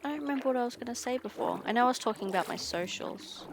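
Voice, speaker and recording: A woman's voice: fairly high pitch, very fast. Tired young woman streamer, noisy background. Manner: relaxed, rambling, with frequent ums. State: tired, low energy. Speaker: game streamer. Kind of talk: casual chat while gaming. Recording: noisy game audio behind.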